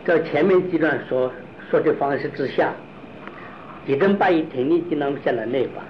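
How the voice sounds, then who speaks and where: Dull, lo-fi audio with a faint hiss captures a Buddhist philosophy teacher's doctrinal lecture. He's a man with a somewhat high voice who talks haltingly, restarts phrases, and poses rhetorical questions to those listening.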